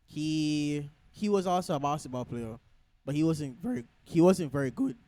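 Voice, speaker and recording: A young Jamaican man with a fairly high voice chats on a faith podcast, slangy and a little tired. He builds into rhythmic preaching runs. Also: animated, normal speed, dark tone, dry recording. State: tired, yawning. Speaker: podcast co-host. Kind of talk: casual faith podcast chat.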